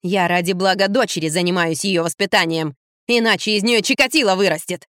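A woman reading an audiobook, voicing a harsh, bullying middle-aged mother who yells and scolds without pause. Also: fairly low pitch, dry recording, studio quality, lightly acted. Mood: furious. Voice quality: harsh, sharp voice. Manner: yelling and scolding.

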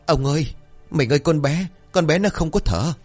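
A man's voice: lowish voice, lively intonation, fairly quick, faint music behind, lightly acted. Man voicing an anxious village mother. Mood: panicked. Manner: pleading, worried questioning. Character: anxious village mother, middle-aged woman.

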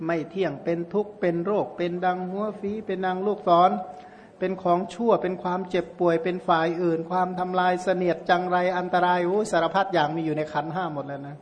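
Male Buddhist monk, dhamma sermon, high voice, chatty storytelling, long hall reverb. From Surin, Thailand. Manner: conversational storytelling with repeated tag particles.

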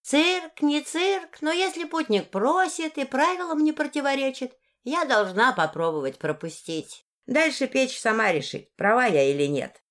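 A woman's voice: sits high, big pitch swings, unhurried, hardly any pauses, fairly bright tone, voice pushed up, exaggerated voice. A woman voicing a grumpy old peasant woman who scolds bluntly in a rustic way, in an audiobook. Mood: grudging. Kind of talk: audiobook character voice.

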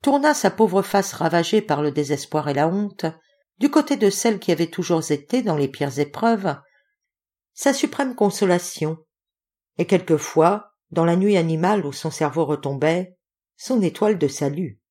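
A woman reading a novel aloud as a volunteer audiobook narrator, with expressive delivery. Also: on the low side, normal speed. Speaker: audiobook reader.

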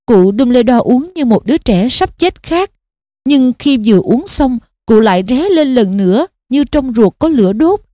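A woman reading an audiobook aloud in a steady, expressive storytelling manner. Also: sits high, moderate pace, no echo, clean studio sound. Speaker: audiobook narrator.

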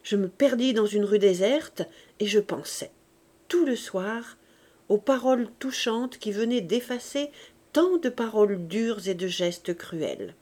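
A woman reading a novel aloud as an audiobook narrator. Her delivery is measured and expressive. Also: medium pitch. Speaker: audiobook reader.

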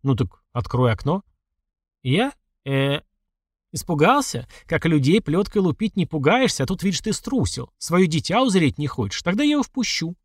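A man's voice: a little high, sing-song, moderate pace, slightly rough, dry recording, studio quality, pitched above the performer's own voice. A man voicing a bossy, stubborn older mother-in-law who scolds and orders her family around. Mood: scolding. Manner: scolding, domineering.

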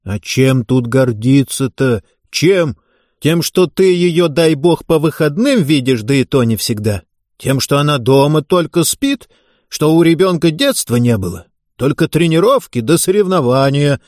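Brief: male reader doing a disapproving old granny, grumbling and reproachful, lively. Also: fairly high pitch, unhurried, no room sound, studio quality, voice pushed up. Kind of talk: audiobook character voice.

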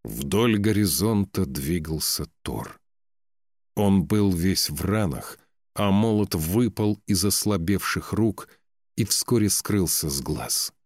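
A man narrates a fantasy novel in a very low, deep voice. His reading is measured and dramatic, and he lingers on key words. The sound is dry and close, with no room echo. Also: animated, darkish tone. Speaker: audiobook narrator.

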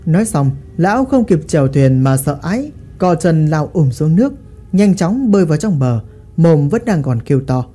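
A woman narrating a ghost story in a dramatic, expressive way. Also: sits low, normal speed, husky, faint music behind.

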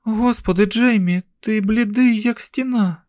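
A man's voice: high-pitched, a little slow, darkish tone, no room sound, pitched above the performer's own voice. A man voicing an anxious, protective mother, tense and commanding. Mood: worried tender. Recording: dry close studio sound.

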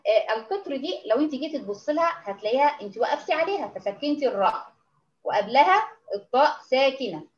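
An Egyptian woman teaches recitation rules over an online call, explaining patiently and pausing to ask her students whether it's clear. Her voice sits a little high. The audio is dull and roomy. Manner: patient, keeps checking understanding with endearments. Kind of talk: online tajweed lesson.

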